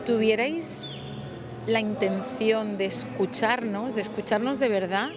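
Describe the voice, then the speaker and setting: A woman answering a street interview, earnest and measured, sometimes searching for words. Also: fairly high pitch, a crowd in the background. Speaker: passer-by interviewed. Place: outdoors on a city street. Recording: street noise and traffic.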